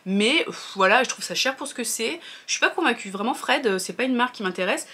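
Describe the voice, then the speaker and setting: A woman talking casually in a vlog review, chatty and hesitant, often pausing on fillers and restarting her sentences. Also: a little high, expressive, sharp tone, breathy edge.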